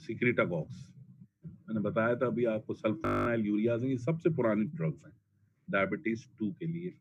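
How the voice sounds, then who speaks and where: A man giving a pharmacology lecture, blunt and colloquial, repeating drug names for emphasis. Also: lowish voice. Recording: dull lo-fi classroom recording, faint noise.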